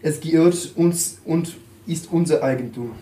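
A man alternates with another reader in reading a text aloud, occasionally tripping over words. He speaks unhurriedly in a slightly high, dark-toned voice, captured in a roomy recording with faint hiss.

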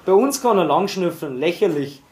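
A man's voice: high-pitched, animated, normal speed. A man voicing a stout, jovial male painter who talks in a soothing, hearty way, in a roomy, echoey recording.

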